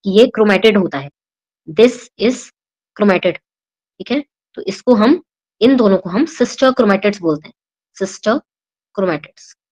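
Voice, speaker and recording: A young Indian woman leads a biology exam-prep lesson in a mix of Hindi and English, explaining step by step and checking in with students after each point. Her voice is medium-pitched, a little mellow, with lively intonation, normal speed and long pauses, on a rough recording.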